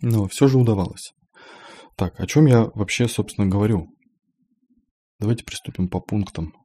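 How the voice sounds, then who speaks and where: Speaking at a normal speed in a mellow, lowish voice, a man who works as an IT developer muses out loud about his career in a relaxed, straightforward monologue.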